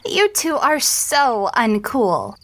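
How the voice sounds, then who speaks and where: Casting: stuck-up teen sorceress, high and lively, slow and dry. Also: female voice, no room sound, full character voice. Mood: haughty. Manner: haughty, dismissive. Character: haughty teenage girl mage, snobbish and showy.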